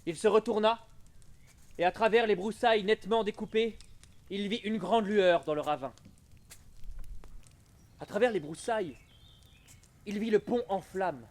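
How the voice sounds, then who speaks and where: A man on an outdoor stage narrating a historical novel in a steady, vivid storytelling manner. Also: high voice. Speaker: narrator and actor.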